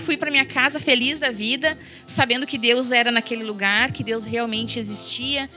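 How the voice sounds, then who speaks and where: A woman's voice: a little high, bright, forceful tone. A woman gives a fervent, emotional religious testimony as a church guest, often tagging her sentences with "né?". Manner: fervent, tearful in tone, keeps tagging "né?". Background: background music.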